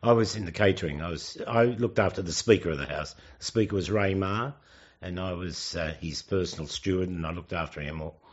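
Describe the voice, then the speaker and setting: An elderly Australian man in his seventies with a low voice, reminiscing for an interviewer. He speaks haltingly, pausing and correcting himself as he recalls his life. The recording is dull and lo-fi. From Sydney, Australia. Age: 70s. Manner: halting, with hesitant pauses and self-corrections. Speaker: oral history interviewee.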